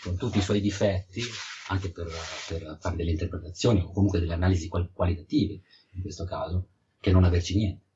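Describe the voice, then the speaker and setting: A man from Italy with a deep, very husky voice, explaining technical matters as an interview guest. He talks conversationally, often doubling words and restarting. The audio is dull and muffled. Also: fairly even intonation, brisk, mellow. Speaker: interviewed field geology researcher.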